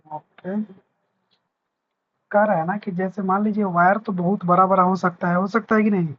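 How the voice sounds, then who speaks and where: A man's voice: high-pitched, steady tone, normal speed, highs cut off. A man teaching a physics lesson, patiently repeating points and checking that his students understand. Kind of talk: explaining a lesson.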